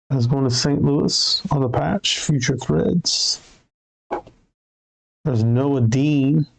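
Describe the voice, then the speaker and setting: A man's voice: medium pitch, gravelly, a little mellow, low-quality recording. A man hosting a sports card break, reading out player names and serial numbers and correcting himself as he goes. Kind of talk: live card break commentary.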